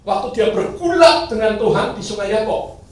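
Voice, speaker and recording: Animated preacher in an echoing church hall. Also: male voice, sits high, moderate pace. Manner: lively, swings from loud bursts to quiet asides, sings briefly. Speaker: pastor. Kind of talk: sermon. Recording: echoey hall, mic at a distance.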